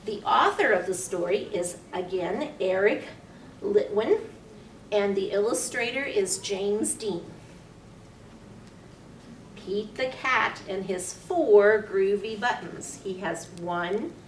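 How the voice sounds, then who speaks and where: A woman reading a picture story aloud to young children like a teacher, with sing-song, exaggerated delivery and simple, deliberate phrasing for counting along. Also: mid-range voice, animated. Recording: roomy, distant mic, faint noise.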